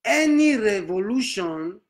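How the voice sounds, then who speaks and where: A man doing a booming Nigerian prophet. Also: sing-song, slow, exaggerated voice. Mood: preaching. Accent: Nigerian English. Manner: broken English, declaiming sermon. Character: pompous preaching male prophet, booming and solemn. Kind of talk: comic sermon.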